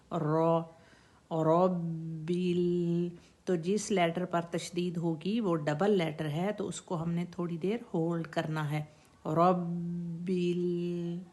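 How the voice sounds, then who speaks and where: Slow, patient woman teaching recitation. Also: lowish voice, a little mellow. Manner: patient, repeats sounds slowly for practice. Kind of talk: slow instructional lesson with recited examples.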